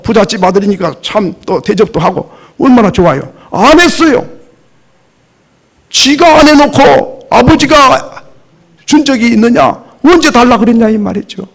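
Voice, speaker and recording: Gravelly, husky Korean pastor preaching. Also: male voice, high voice. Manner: animated preaching, acting out quoted voices. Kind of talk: sermon.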